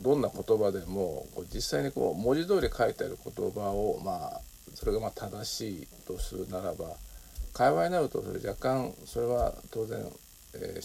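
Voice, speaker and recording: An older man from Japan talks casually through his own show, his low voice heavily gravelly with fry. The tone is dark and husky, and he leans on fillers and soft tag particles as he goes. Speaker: podcast host. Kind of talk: casual solo talk.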